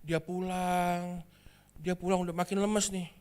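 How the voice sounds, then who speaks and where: A man's voice: high voice, little pitch movement, measured pace, darkish tone, smooth. A man giving a sermon as a pastor, telling a story playfully in casual slang.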